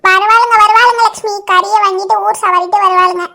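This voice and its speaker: Woman doing squeaky sharp-tongued cartoon ladies, talk, super high and bright. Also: fairly even intonation, fast, full character voice. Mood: gossiping. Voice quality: shrill, scolding. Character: bickering Tamil village women, high and shrill. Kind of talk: cartoon voice acting.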